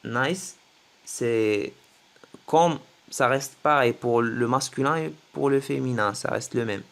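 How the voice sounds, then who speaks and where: A man teaching English greetings to French speakers, slowly repeating each phrase several times. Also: medium pitch, vocal fry, fairly bright tone. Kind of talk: French-language English lesson.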